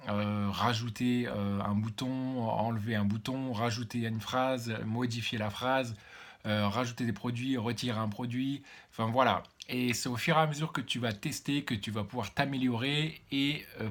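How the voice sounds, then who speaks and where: A man speaking as a vlogger, explaining things informally to one listener in a hesitant, halting way with repeated words. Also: medium pitch, fairly bright tone. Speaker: vlogger giving online business advice.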